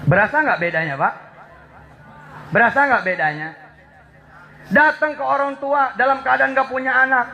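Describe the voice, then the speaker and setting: Male preacher, high-pitched voice, playful, teasing, acts out scenes. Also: normal speed, gravelly, pauses often, sharp tone, muffled recording, a little hiss or hum. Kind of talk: Islamic sermon.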